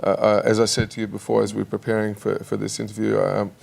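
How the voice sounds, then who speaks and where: A man talks as a guest on a TV studio couch. His voice has a gravelly, creaky edge. He tells his stories in a chatty, halting way, often restarting his sentences. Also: fairly low pitch, monotone, darkish tone. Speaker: singer and actor guest. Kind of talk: casual interview chat. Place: television studio.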